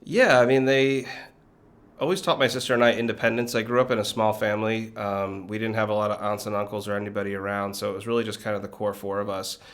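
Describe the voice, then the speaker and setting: A man in his thirties from Connecticut, a guest in an interview, talking in a relaxed, reflective way with many fillers. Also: lowish voice, fast. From Connecticut, USA. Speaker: guest, business leader. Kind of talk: conversational interview.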